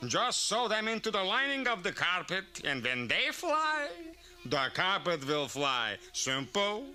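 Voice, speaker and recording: A man's voice: high voice, sing-song, measured pace, pushed and bright, faint music behind, full character voice. A man voicing a wisecracking cartoon fortune teller, moving from mock-mystical to matter-of-fact patter. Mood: breezy, sly. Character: shifty, wisecracking fortune teller with a crystal ball.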